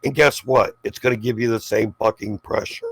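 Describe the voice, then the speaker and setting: Gravelly, husky man arguing, exasperated. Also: lowish voice, steady tone, fairly quick, no room sound. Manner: exasperated, condescending, sweary. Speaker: debater. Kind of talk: argumentative informal debate.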